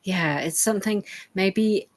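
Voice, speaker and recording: A woman's voice: medium pitch, unhurried, dry recording. A woman hosting a casual interview, asking questions in a hesitant way. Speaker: interview host, English teacher.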